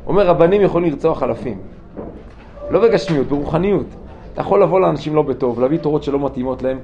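Male rabbi, casual teaching voice, quizzes students, slightly high pitch, muffled lo-fi recording with light hiss. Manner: lively, asks students questions, jokes. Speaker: yeshiva rabbi giving a class. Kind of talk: informal Torah class to students. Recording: dull lo-fi room recording with faint noise.

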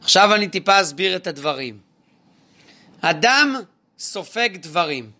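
A rabbi delivers a talk in a strikingly bright, cutting tone. His voice sits high for a man, and he keeps his listeners engaged with rhetorical questions and plain, direct advice. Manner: animated, asks the audience rhetorical questions and acts out parents. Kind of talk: spoken religious lecture on parenting.

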